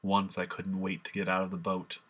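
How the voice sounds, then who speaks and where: A man voicing a grieving, ashamed apostle in a dramatic monologue, his voice very deep and husky yet bright-edged. He recites in a solemn, impassioned way, full of remorse. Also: monotone, brisk. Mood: sorrowful. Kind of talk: dramatic first-person monologue.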